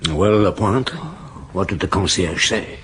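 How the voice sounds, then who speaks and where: A man's voice: low-pitched, a little slow, fairly bright tone, a little hiss or hum. An actor playing a seasoned, fatherly chief inspector in a radio drama, terse, dry and authoritative. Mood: brisk, probing. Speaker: lead detective in a radio drama. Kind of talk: naturalistic radio drama acting.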